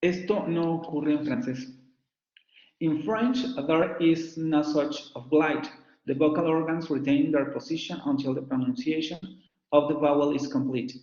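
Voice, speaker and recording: A man's voice: a little high, slow pace, a little mellow. A man teaching a university phonetics class in a recorded online lecture, explaining at length and modeling sample words aloud. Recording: roomy, dull lo-fi sound.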